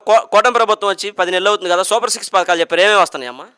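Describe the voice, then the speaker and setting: Fast-talking male street reporter. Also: high-pitched, pushed and bright, clean tone. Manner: pointed, probing questions. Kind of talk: street vox-pop interview.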